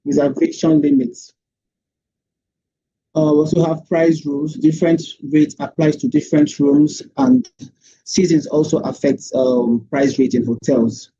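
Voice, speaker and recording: A man presenting his capstone project over an online meeting, heard through screen-recorded call audio, walking through his slides with frequent hesitant pauses. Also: a little high, lo-fi sound, background noise. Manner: steady walkthrough with frequent hesitant "um"s. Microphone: computer or headset mic on a video call.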